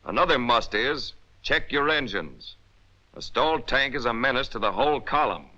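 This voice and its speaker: Speaking with an American accent, a man narrates a scripted 1940s military training film in a very bright, forceful, medium-pitched voice. He's animated and talks at normal speed, issuing emphatic, clipped instructions through a dull, band-limited old soundtrack.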